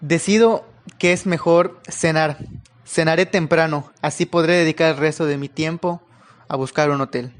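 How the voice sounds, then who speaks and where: A man telling a first-person horror story, in a calm, unhurried manner with occasional pauses. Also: on the high side.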